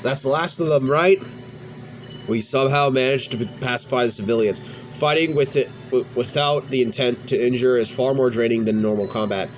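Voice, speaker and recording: Poor audio with a bit of hiss or hum carries a man's medium-pitched, fairly quick voice. Hosting a let's play channel, he voices the game's dialogue and chats casually, fumbling words now and then over background music.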